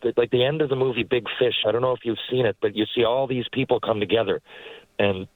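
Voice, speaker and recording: A retired hockey player from Newfoundland, a man in his forties, is a guest in a casual interview, speaking in a heartfelt, rambling way with many restarts. He talks fast in a steady, medium-pitched voice. The recording is rough, with no room sound.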